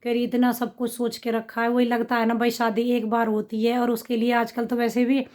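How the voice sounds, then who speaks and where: A woman's voice: fairly high pitch, monotone, a little fast, a little mellow. A middle-aged woman with a slight cough, chatting to her viewers in a rambling account of her family's day. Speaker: family vlogger. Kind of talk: casual vlog talk to camera.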